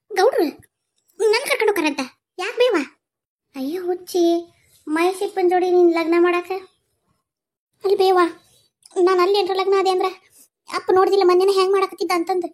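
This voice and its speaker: A woman with a North Karnataka Kannada accent voicing a gentle, devoted young village daughter who pleads and soothes her mother in a cartoon. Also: high voice, natural voice. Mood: alarmed. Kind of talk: cartoon voice acting.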